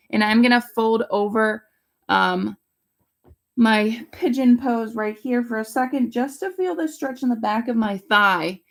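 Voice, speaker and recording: A woman yoga instructor guiding a home yoga class in a relaxed way, with a raspy voice and pollen congestion. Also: a little high. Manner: relaxed, cueing poses with fillers. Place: home under construction. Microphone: laptop camera.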